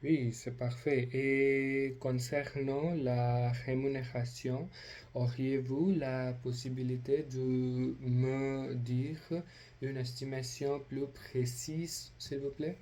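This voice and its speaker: A language learner with a non-native accent, whose first language isn't French, practises a polite role-play inquiry. He speaks haltingly with many hesitations, in a medium-pitched, warm voice with a flat delivery.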